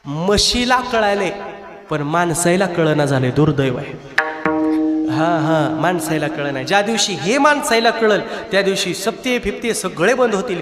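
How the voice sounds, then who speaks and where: A man preaching a devotional kirtan sermon, telling a saint's story with lively calls and asides to the crowd. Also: high-pitched. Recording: echoey hall with long reverb.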